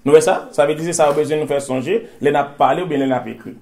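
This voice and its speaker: A man with a Haitian accent teaching English grammar to a class, drilling phrases slowly for students to repeat. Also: fairly high pitch, gravelly, crowd noise.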